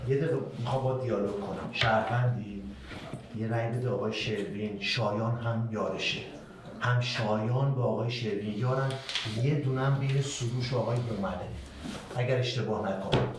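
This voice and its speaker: A man's voice: medium pitch, fairly even intonation. A man playing a mafia game who argues his case insistently and pleads for the others' votes. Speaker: game player. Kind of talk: arguing in a social deduction game. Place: game cafe room. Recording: distant mic, echoey room, noise.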